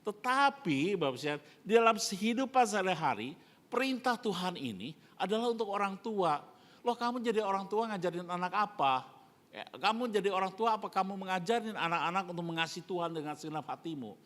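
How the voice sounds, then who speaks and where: A man's voice: high voice, lively intonation, fast, fairly bright tone. Emphatic middle-aged male pastor in a reverberant church. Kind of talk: sermon. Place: church sanctuary during a live service. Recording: long church hall reverb.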